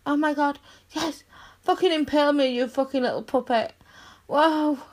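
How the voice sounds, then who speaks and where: A woman performing a scripted roleplay monologue in a teasing, commanding, dominant manner, with breathy sighs. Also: high voice, moderate pace.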